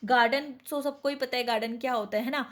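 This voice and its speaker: A woman's voice: fairly high pitch, fairly even intonation, fast talker, a bit bright. A woman teaching a vocabulary lesson in a chatty way, often asking the viewers questions and then answering them herself. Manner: addresses viewers as friends, asks and answers own questions. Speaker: English teacher.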